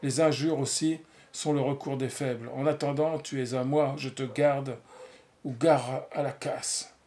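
A man's voice: medium pitch, steady tone, unhurried, a little mellow, a little hiss or hum, natural voice. A jealous, wounded man, read by a male narrator in a novel, his lines clipped and bitter with a sneering edge. He speaks like a fighter trying to regain control. It stays close to the reader's everyday voice. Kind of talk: audiobook reading of a novel.

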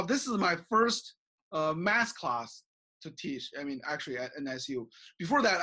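A middle-aged Chinese professor with a Chinese accent records an online class lecture over a webcam at his desk in a small office lined with bookshelves. He gestures as he talks, tags sentences with "okay?" and uses many "uh" fillers, in a high-pitched, pushed, bright voice.

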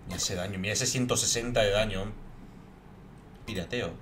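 Quiet muttering man playing a game. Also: fairly low pitch, normal speed, distant mic, slight background noise. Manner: muttering to himself while playing. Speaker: gameplay streamer. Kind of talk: let's play commentary.

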